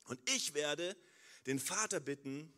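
A man preaching a sermon, addressing the congregation with questions and swinging between quiet prayer-like passages and loud exclamations. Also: a little high, animated, a little slow.

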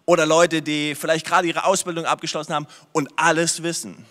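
A man preaching a sermon as a pastor, emphatic and repetitive, swinging from loud to hushed. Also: on the high side, little pitch movement, a little fast. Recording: long reverb of a large hall.

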